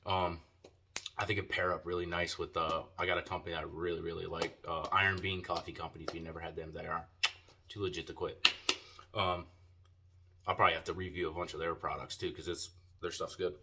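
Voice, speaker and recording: Deep-voiced man talking around a lip of dip. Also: little pitch movement, fairly quick, background noise. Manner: talks with a lip full of dip; laid-back, slangy and profane. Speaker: product reviewer. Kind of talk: casual video review chat.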